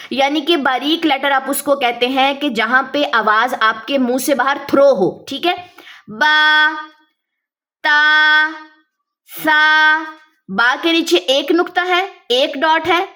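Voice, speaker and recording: A woman teaching beginners letter by letter, explaining patiently and sounding each letter out slowly and drawn out. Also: high voice, sharp tone. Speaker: Quran reading teacher. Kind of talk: step-by-step lesson.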